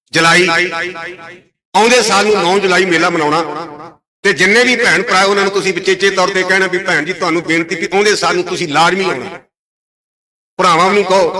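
A man preaching a religious sermon, speaking loudly and emphatically and slowing down to intone scripture verses. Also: high voice. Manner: loud emphatic delivery. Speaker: Sikh preacher giving katha.

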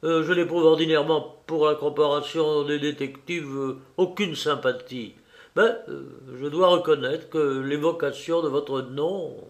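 A man reading an audiobook, voicing a portly, pompous older gentleman who speaks in a stiff, huffy, self-important way. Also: on the high side, fairly even intonation, measured pace, lightly acted. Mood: flustered, pompous.

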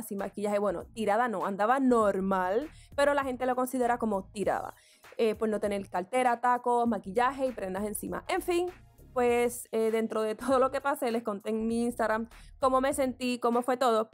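Chatty woman vlogger, fairly high voice. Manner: candid, chatty, explains each step. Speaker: beauty vlogger. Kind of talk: get-ready-with-me makeup tutorial chat.

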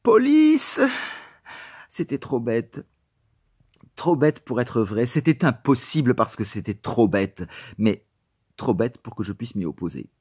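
A man narrating a novel as an audiobook, with an expressive, animated delivery on a close mic. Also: mid-range voice, measured pace, slightly rough, no room sound. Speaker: audiobook reader.

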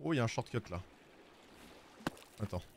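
A man streaming a video game, chatting casually with viewers and swearing, with bursts of shouting at the animals in the game. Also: medium pitch, lively intonation, normal speed, creaky, a little hiss or hum. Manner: talks to his chat viewers. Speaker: streamer playing a climbing game. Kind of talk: casual gameplay commentary.

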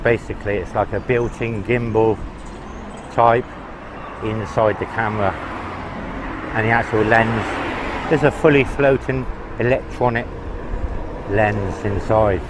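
A man walks a busy city street while vlogging, chatting casually to viewers and offering opinions along the way. His voice is lowish, fairly even and unhurried, with long pauses, and his handheld camera mic catches street traffic behind him.

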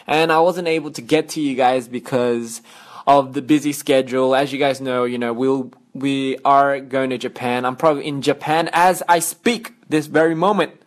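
A man's voice: medium pitch, steady tone, moderate pace. A young man from Australia with an Australian accent, hosting a casual radio show in a chatty, upbeat way with playful sound effects on a studio microphone. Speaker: radio host.

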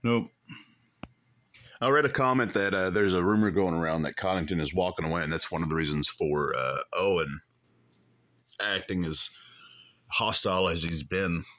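A man commenting on a played-back stream, calmly cutting in to rebut what was said. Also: sits low, no echo. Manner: measured, skeptical, cuts in to rebut. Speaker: commentator reacting to a clip. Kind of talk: dry reaction commentary.

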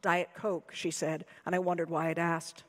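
An American woman author reading her own fiction aloud in a dry, measured, deadpan way. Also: deep voice. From United States. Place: lecture hall. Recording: long hall reverb.

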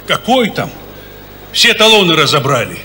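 An actor on a comedy stage playing a frazzled patient who shouts his words in exasperation. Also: a little high, sing-song, moderate pace, big-room sound, background noise. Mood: exasperated.

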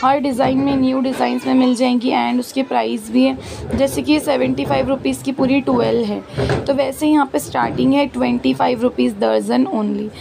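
Walking through a crowded open-air market, this vlogger films on her phone, chatting and calling out prices. Her voice sits high and creaky, with a steady tone and a slightly quick pace, and the background carries street noise and market bustle.

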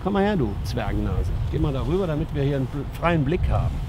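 A man who works as a dog trainer, giving lively casual commentary outdoors as he talks to the dogs and to his viewers. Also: a little high, fast, noisy background.

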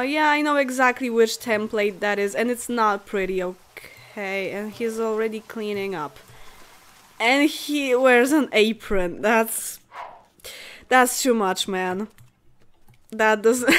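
A woman in her late twenties, a native Polish speaker, giving chatty let's-play commentary in English, thinking aloud and giggling often. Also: on the high side. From Poland. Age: late 20s. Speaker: gaming channel host.

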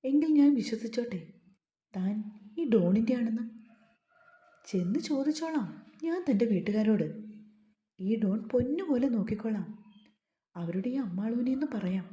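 A woman's voice: fairly high pitch, lively intonation, moderate pace, long pauses, dark tone, natural voice. Woman voicing a persistent young suitor. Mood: pleading. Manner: coaxing, teasing, insistent. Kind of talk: storybook role-play. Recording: roomy echo.

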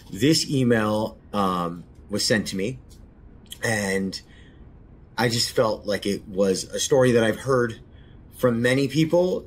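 A man hosting his own show, speaking softly and hesitantly with many pauses and fillers. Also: fairly low pitch, breathy edge. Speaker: podcast host. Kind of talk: casual spoken introduction.

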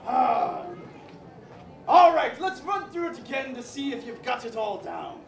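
Woman playing a booming pirate captain. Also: lively intonation, a little slow, some chatter behind, slight background noise. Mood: drilling recruits. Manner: booming, theatrical, teasing the audience. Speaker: stage actor. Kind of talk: live interactive theatre. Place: indoor theatre, live audience. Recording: echoey hall from far off with audience.

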